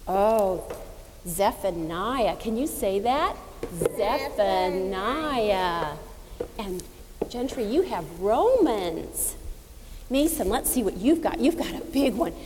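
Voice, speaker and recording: A woman giving a children's sermon in a sweet, patient Sunday school manner, using simple words and gently coaxing. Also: fairly high pitch. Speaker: children's message leader at church. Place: large echoing church indoors. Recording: reverberant church hall with background noise.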